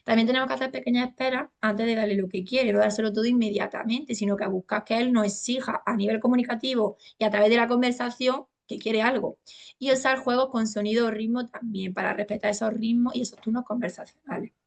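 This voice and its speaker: A woman's voice: a little high, fairly even intonation, fast talker, gravelly. A woman with a Spain Spanish accent, a speech therapist explaining to parents in a colloquial, patient way. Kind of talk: family training talk.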